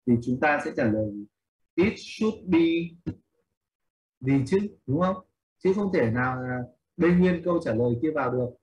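A man's voice: medium pitch, animated, fairly quick, a little mellow, poor audio. A man teaching an English class in Vietnamese, explaining a reading step by step and questioning his students as he goes. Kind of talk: online class instruction.

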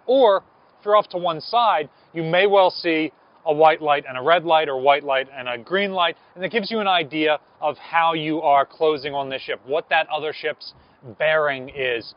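Speaking at a normal speed in a slightly high voice, a museum presenter in his thirties explains things casually to camera. The American is outside on a ship's deck, recorded on a clip-on lapel mic with dull audio.

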